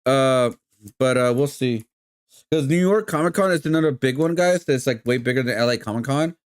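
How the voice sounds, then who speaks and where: A man's voice: mid-range voice, moderate pace, clean tone. A man live-streaming in casual chat, rambling with lots of fillers and talking to his viewers as guys. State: hiccups.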